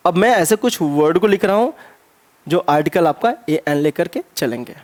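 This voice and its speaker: A man teaching an exam-prep grammar lesson. He spells words out slowly letter by letter, keeps asking himself rhetorical questions and slips English phrases into his explanations. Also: a little high, expressive, a little mellow.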